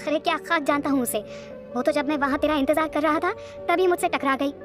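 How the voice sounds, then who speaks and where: A woman's voice: sits high, fairly even intonation, a little fast, over music, close to an everyday voice. A woman voicing an irritated young male boss, incredulous and exasperated.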